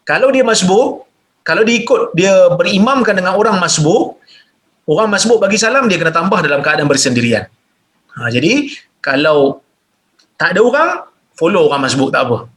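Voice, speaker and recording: A man with a Malaysian Malay accent reading out listeners' questions and answering them in a religious Q&A lecture, explaining plainly and jumping up in pitch to stress points. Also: expressive, normal speed, fairly bright tone. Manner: reads questions aloud then explains plainly.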